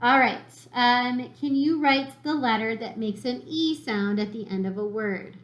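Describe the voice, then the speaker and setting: A woman teacher giving a recorded phonics lesson to young children, sounding out letters slowly and encouragingly. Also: on the high side, dull audio. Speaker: elementary school teacher. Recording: echoey room.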